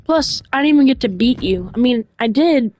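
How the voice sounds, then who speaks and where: A woman doing a boastful, taunting wrestling champion, a man full of himself who sneers at his rival. The voice sits high and light, an everyday voice lending the game character his swagger. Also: expressive, fairly quick, a little mellow, slight background noise, lightly acted. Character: cocky arrogant male wrestling champion.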